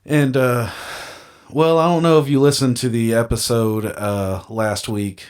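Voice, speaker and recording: Slow-talking man hosting a podcast. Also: mid-range voice, fairly even intonation, darkish tone, clear, resonant tone. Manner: rambling, hesitant, joking. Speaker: podcast host. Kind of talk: casual podcast chat.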